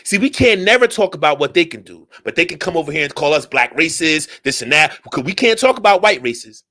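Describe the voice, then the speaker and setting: A man with a fairly high voice hosts his own talk radio show. He rants in a profane, animated way and keeps firing rhetorical questions at his listeners. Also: fast talker. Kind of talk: solo ranting talk show.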